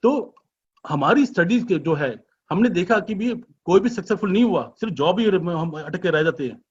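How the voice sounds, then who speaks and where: Man giving a chatty, husky sales pitch. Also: expressive, normal speed. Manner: persuasive and chatty, asks rhetorical questions; teasing, sarcastic asides. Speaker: business presenter. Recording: dull lo-fi recording.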